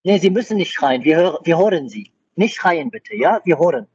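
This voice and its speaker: A man who takes over a phone call as the boss, soothing and placating the caller while repeating her name again and again. His voice is husky and fairly high, and the recording is dry and dull. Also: very animated, normal speed, darkish tone, no echo.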